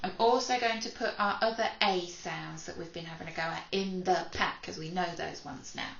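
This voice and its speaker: A woman teaching a phonics lesson to young children to camera, speaking slowly and clearly with frequent praise. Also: lowish voice, fairly bright tone, reverberant, muffled recording. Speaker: primary school teacher.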